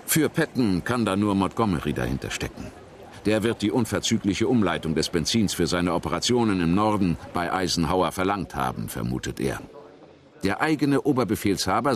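A man reading scripted narration for a historical documentary. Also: sits low.

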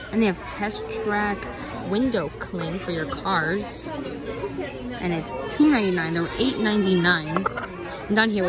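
Holding her phone camera as she strolls a crowded retail store, a young woman gives a relaxed shopping walkthrough, calling out prices and raving about what she finds. Her voice is mid-range, the audio is poor, and shoppers' chatter fills the background.

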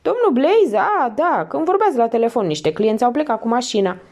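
A woman doing a chatty high-voiced innkeeper lady. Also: expressive, a little mellow. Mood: excited. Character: talkative middle-aged female country innkeeper, fussy.

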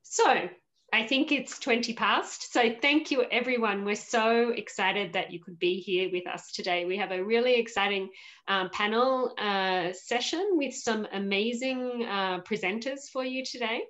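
A woman's voice: a little high, unhurried. Woman, forties, webinar host, upbeat, filler-heavy, laptop mic. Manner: upbeat, warm welcome with frequent fillers. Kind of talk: online panel moderation. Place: home room with shelves. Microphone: laptop webcam video call.

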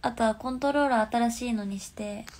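A young woman hosting a phone livestream chats casually in a raised, gravelly voice full of fry that is fairly high and brisk. A stuffed-up nose makes her sound nasal, and she rambles in a relaxed way, often slipping into soft half-whispers, with a little hiss or hum.

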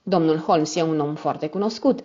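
Lady reading a worried young secretary guy, earnest, low voice, dull sound. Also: mellow. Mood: anxious. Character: anxious young male secretary, apologetic.

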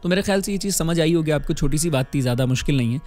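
A man's voice: on the high side, rapid-fire, a little mellow. A man teaching music, explaining patiently at a close mic and often checking with his students, with sung demonstrations over a harmonium. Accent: Hindustani. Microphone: close studio microphone. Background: harmonium playing.

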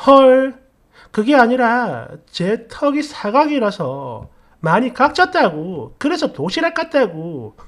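Brief: man reads a testy young husband, loud and dismissive, high voice. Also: huge pitch swings, a little slow, full character voice. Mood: defensive. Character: irritated young husband snapping back.

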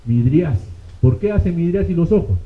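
A man's voice: fairly high pitch, expressive, moderate pace. A male medical exam lecturer, teaching through rhetorical questions and frequent "ok?" check-ins. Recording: tinny, echoey classroom recording.

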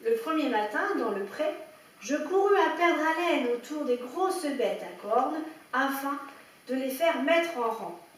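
A woman storyteller reading a children's picture book aloud with lively expression. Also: high-pitched, measured pace, slight background noise. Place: indoor room at a public story reading. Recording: echoey room, heard from a distance, faint background ambience.

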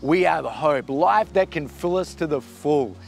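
A man's voice: on the high side, animated, unhurried, vocal fry, slight background noise. A man, a pastor giving an earnest, encouraging sermon on a forest path. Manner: earnest, encouraging preaching with emphatic rises. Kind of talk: outdoor video sermon. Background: soft music.

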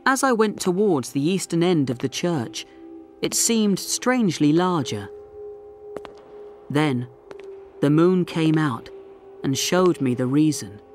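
Male narrator, slow deliberate reading, slightly high voice, faint music behind. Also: animated. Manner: slow, deliberate, clearly articulated. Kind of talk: slow storybook narration for English learners.

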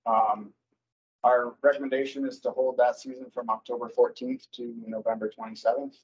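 A man presenting wildlife season recommendations at a public board meeting, speaking haltingly with many fillers and self-corrections over a video call. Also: medium pitch, little pitch movement, a little hiss or hum. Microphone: computer mic on a video call. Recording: dull lo-fi video call audio.

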